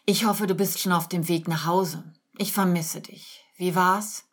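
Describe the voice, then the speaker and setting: A woman's voice: on the low side, fairly even intonation, unhurried. A woman voicing a tender, purring boyfriend. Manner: soft, purring, sympathetic. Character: tender, affectionate male partner. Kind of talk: audiobook character reading.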